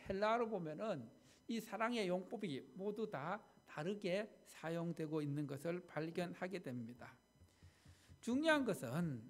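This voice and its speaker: A male pastor preaching a Sunday sermon and having the congregation repeat lines after him. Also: sits high. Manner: preaching with call-and-response prompts for the congregation.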